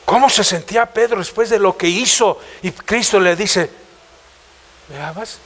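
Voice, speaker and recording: A man's voice: sits high, normal speed, fairly bright tone. A man with a Mexican accent preaching a passionate church sermon, firing rhetorical questions at the congregation. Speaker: pastor.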